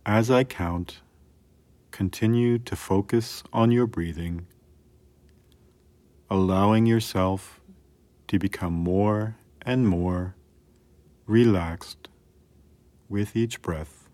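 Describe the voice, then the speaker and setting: A man calmly narrating a scripted guided relaxation in a soothing, measured way with long pauses. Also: lowish voice.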